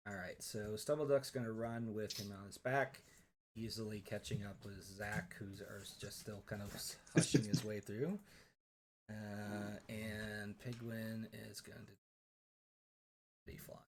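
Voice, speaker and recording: A man's voice: lowish voice, level tone, unhurried. A man narrating as game master, loose and rambling with lots of fillers.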